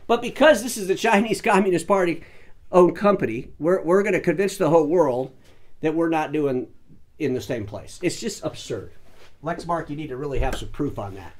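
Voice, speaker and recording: A man hosting his own show, giving animated, sarcastic commentary and mocking imagined phone calls. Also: sits high. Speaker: show host. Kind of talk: casual commentary to camera.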